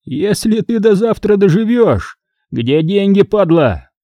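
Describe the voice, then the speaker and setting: A man's voice: high-pitched, sing-song, a little slow, mellow, no echo, clean studio sound, pitched above the performer's own voice. A man voicing an impatient, vicious male thug who threatens a victim. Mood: menacing. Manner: threatening, harsh.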